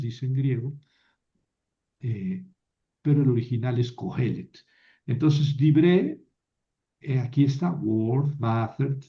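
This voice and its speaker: A man teaching a language lesson, reading Hebrew aloud slowly and checking in with his students. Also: medium pitch. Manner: reads Hebrew aloud slowly, with many fillers and rhetorical checks. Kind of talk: lecture. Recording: dull lo-fi recording.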